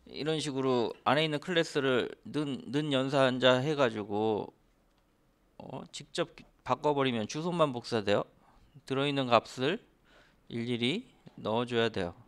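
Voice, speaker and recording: A man teaching a programming class step by step, asking the listener rhetorical questions as he explains. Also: medium pitch. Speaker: programming instructor. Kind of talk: screen-recorded coding lecture.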